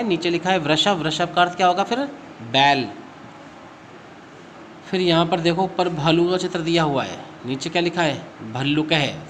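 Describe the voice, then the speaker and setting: A man's voice: sits high, a bit bright, slight background noise. A male school teacher giving a recorded class lesson, patiently asking questions and answering them himself. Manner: addresses students as beta.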